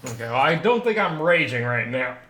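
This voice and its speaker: A man's voice: mid-range voice, very animated, fairly quick, a bit bright, a little hiss or hum. A man playing a tabletop game, asking puzzled questions about the rules. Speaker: player. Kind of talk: casual chat in a tabletop game.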